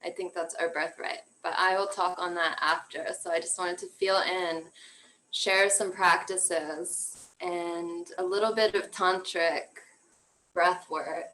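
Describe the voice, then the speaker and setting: A young woman from Canada speaking at home, giving a gentle, flowing online workshop talk on tantra with soft laughs and fillers. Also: on the low side, fairly even intonation, takes it slowly, slight background noise, low-quality recording.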